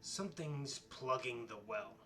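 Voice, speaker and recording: A man's voice: medium pitch, expressive, bright, forceful tone, slight background noise. A man playing an impatient old hag. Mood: demanding. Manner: curt, demanding, slow and deliberate. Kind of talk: tabletop role-play voicing.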